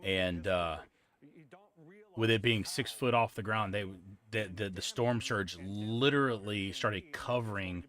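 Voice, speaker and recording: A man chatting casually as a live streamer, in a rambling, halting way. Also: on the low side, a bit bright. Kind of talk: casual livestream chat.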